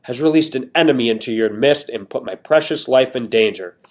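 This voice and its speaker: A man voicing a cruel, pompous tyrant king who makes menacing, slow proclamations. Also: medium pitch, close to an everyday voice. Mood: proclaiming.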